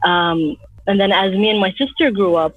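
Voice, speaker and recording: A woman in her thirties from Abu Dhabi, a guest artist talking in a relaxed, reflective way outdoors in the wind. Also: mid-range voice, moderate pace. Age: 30s. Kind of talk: casual interview talk. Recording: dull lo-fi sound, faint music.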